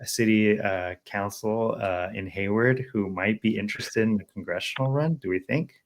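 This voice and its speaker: This podcast co-host is an American man with a fairly low voice and a moderate pace. His political talk is casual; he thinks out loud and keeps seeking agreement.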